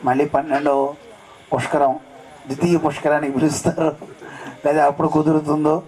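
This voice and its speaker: A man's voice: fairly high pitch, level tone, normal speed, a little mellow, poor audio. A man giving a devotional discourse at a temple festival, telling scripture stories and often asking his listeners questions. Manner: asks the audience questions often. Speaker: religious speaker.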